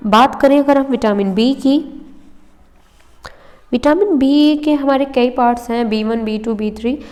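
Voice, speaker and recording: Her voice is high-pitched and darkish, and she takes an unhurried pace as she teaches. The young woman explains an exam-prep lesson over handwritten notes step by step, checks in with listeners, and coughs slightly now and then, all in a roomy recording with long reverb.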